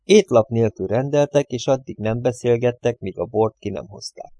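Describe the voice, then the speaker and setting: A male audiobook narrator reading in a steady, plain way, with a mellow, warm voice. The sound is close and dry, as if from a small home studio. His pitch sits in the middle. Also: dry recording.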